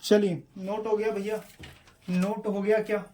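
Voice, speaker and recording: A man's voice: high-pitched, flat delivery, a little slow, dark tone, far from the mic. A male teacher explaining step by step in an online exam-prep lesson, asking questions and answering them himself.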